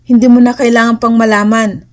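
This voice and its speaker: A woman voicing a calm, guarded young male kidnapper who speaks tersely and unhurriedly. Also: fairly high pitch, brisk, close to an everyday voice. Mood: cool.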